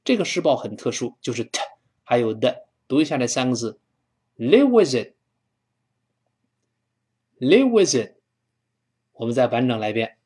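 A man teaching English in Mandarin, drilling pronunciation and repeating words slowly for his students. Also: medium pitch, darkish tone. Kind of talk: language lesson.

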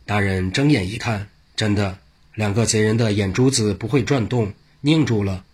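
A male storyteller with a low, husky voice tells a traditional tale. He keeps a measured, classical delivery and turns to his listeners now and then. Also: a little mellow.

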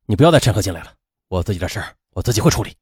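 A man's voice: mid-range voice, expressive, quick pace, husky, no echo, studio quality. A man voicing a bitter middle-aged husband who has lost his job. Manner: bitter, erupting into raging shouts.

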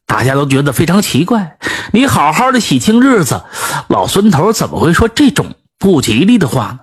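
Husky, lively male folk storyteller. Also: fairly high pitch. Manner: colloquial, with frequent drawn-out fillers. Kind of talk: folk tale narration.

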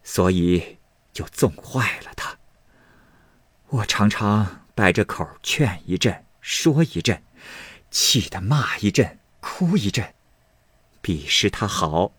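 A man voicing a worried noble mother of nearly fifty in a storybook reading, speaking low and gravely. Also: no room sound, heavily acted. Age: 40s.

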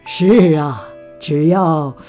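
Woman voicing a gruff, slow-talking papa bear. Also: sits low, soft background music, pitched below the performer's own voice. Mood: coaxing. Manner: loud, blustering, deliberate. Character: gruff grumbling father bear in children's story. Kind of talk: picture-book character voice.

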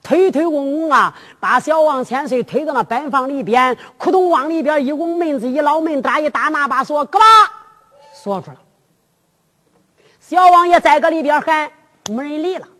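A drum-ballad storyteller, chanting the tale in long, drawn-out sung lines. The voice is high and bright, with a long hall reverb trailing behind it.

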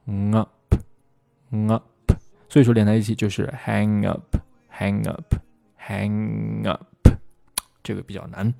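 A man hosting a podcast who explains English pronunciation in a relaxed, chatty, rambling way. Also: on the low side, vocal fry, no echo. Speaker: English teacher, podcast host.

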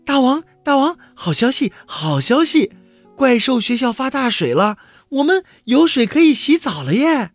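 A man doing an eager little fairy, high and bright. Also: a little slow, no echo, soft background music. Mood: excited. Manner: bright, excited calling out. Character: eager small male fairy.

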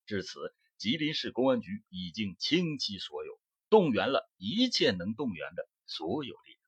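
A man reading a scripted true-crime account in a measured storytelling cadence that rises for emphasis. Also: lowish voice, sing-song, husky, dry recording. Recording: dull close-miked dry audio.

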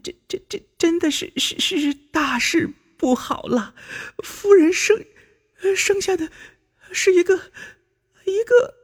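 A man's voice: very high voice, lively intonation, takes it slowly, pitched above the performer's own voice, full character voice. A male storyteller voicing a terrified young maidservant who stutters and repeats her words in a children's story. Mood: frightened, stammering.

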